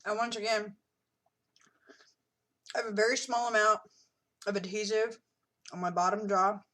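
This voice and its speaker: A woman's voice: mid-range voice, flat delivery, normal speed, pushed and bright. A middle-aged woman chatting casually in a video diary, with many fillers and restarts, sometimes talking while she eats. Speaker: vlogger.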